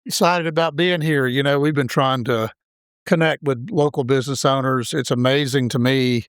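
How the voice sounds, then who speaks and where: A man hosting a podcast interview, upbeat and encouraging with quick interjections. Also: mid-range voice, fairly even intonation, clean tone, no echo, clean studio sound. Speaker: podcast host. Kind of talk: casual interview.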